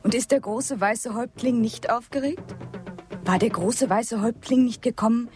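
A woman's voice: fairly high pitch, normal speed, darkish tone, close to an everyday voice. Actress as Atoka, bold young girl, music behind. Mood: taunting. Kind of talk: German radio drama acting.

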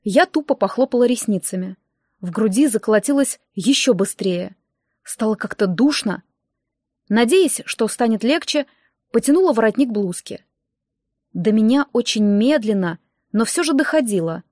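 A woman reading a first-person audiobook in a measured, even storytelling manner. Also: a little high, no room sound, clean studio sound. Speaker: audiobook narrator.

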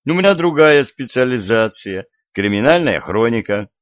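A man's voice: medium pitch, lively intonation, normal speed, no echo, muffled recording, lightly acted. A man voicing a weary, exasperated modern journalist who talks plainly, in an audiobook. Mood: explaining.

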